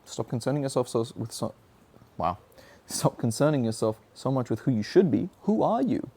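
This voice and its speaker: Here a young man's medium-pitched, sing-song voice moves at a moderate pace with a dark tone. He offers personal reflections in an earnest, searching monologue about his struggles, meant to motivate, and keeps asking himself questions.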